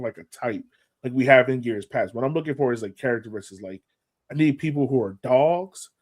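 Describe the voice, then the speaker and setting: Co-hosting a soccer podcast, this man talks through the game in a casual, colloquial way, doubling up on words to stress his points. His voice is medium in pitch and a little mellow.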